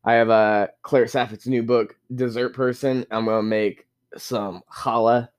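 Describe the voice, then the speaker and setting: A young man from California hosting a casual solo podcast. He rambles, gets excitable and swears often, and his pitch jumps up when he is worked up. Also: unhurried, smooth. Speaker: podcast host.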